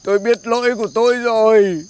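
A man's voice: sits high, steady tone, brisk, darkish tone, clean tone, close to an everyday voice. An actor playing a boastful man who tells tall tales and then apologizes, in a comedy sketch over music. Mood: rueful. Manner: tall-talking, pleading. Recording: music bed under dialogue.

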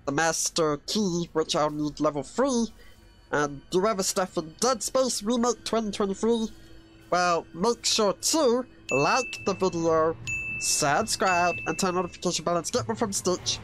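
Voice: mid-range voice, natural voice. A performer voicing Stitch, a mischievous cartoon alien, doing let's play commentary and speaking of himself in the third person. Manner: refers to self in third person, excitable yelps. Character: Stitch, small mischievous male alien, excitable. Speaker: gaming channel host.

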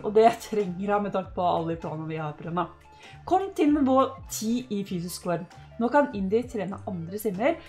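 A woman's voice: on the high side, a little mellow. Chatty Norwegian woman cheering her game. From Norway. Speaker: gaming YouTuber. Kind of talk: casual let's-play commentary. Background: faint game music.

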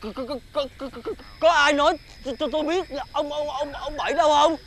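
A man's voice: very high voice, fairly even intonation, brisk, a bit bright. A man acting a frantic young chicken seller in a folk-tale TV drama, stuttering and repeating his words.

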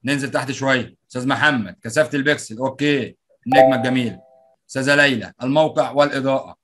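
A man's voice: mid-range voice, rapid-fire, background noise. A man with an Egyptian Arabic accent running a live online workshop as trainer, playfully reading out and greeting participants' answers.

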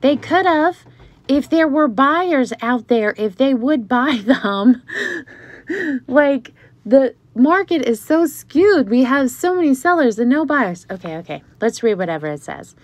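A woman's voice: high voice, a little slow, no room sound. Chatty woman reading posts aloud. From Pittsburgh area, USA. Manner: chatty, animated asides between readings. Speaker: Beanie Baby collector and video host.

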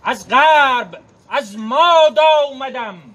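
Very high-pitched, bright, and forceful, a man's voice performs a dramatic naqqali-style recitation of epic verse. The delivery is proud, theatrical, and declamatory, with words stretched out.

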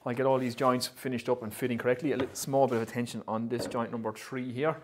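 A man in his thirties hosts a woodworking vlog from an indoor shed with pegboard walls, chatting in a casual, upbeat way and thinking aloud while he works. His voice is medium-pitched with a flat delivery and a fast pace, and there's background noise.

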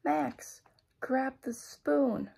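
A woman's voice: sits high, expressive, moderate pace, creaky, breathy edge, voice pushed up, heavily acted. Woman doing a jumpy, dramatic friend. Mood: panicked.

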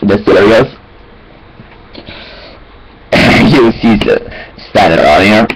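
Husky and lowish, a young adult man's voice moves slowly as he mumbles to himself in front of a webcam, rambling casually in disjointed bits with sing-song filler sounds. He's in a small, cluttered room indoors, and the recording is rough.

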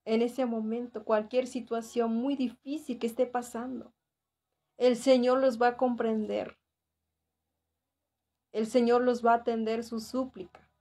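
A woman's voice: on the high side, level tone, a little slow, pauses often, warm tone. A woman with a Mexican accent giving an earnest religious testimony, repeating phrases for emphasis and often adding tag questions. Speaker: church member giving testimony.

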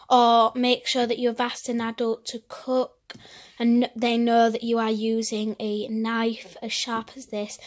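A teenage girl with a Northern English accent chatting through a cook-along vlog in her home kitchen, rambling and correcting herself as she goes. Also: a little high. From England. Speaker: vlogger. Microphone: phone camera held close.

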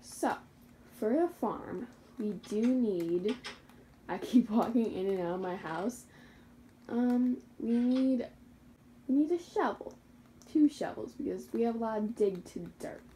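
A woman's voice: on the high side, unhurried, mellow, slight background noise, rough recording. A young woman casually commentating her own survival game, chatty and rambling, correcting her own slips and laughing at herself. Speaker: gaming YouTuber. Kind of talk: casual Minecraft gameplay commentary.

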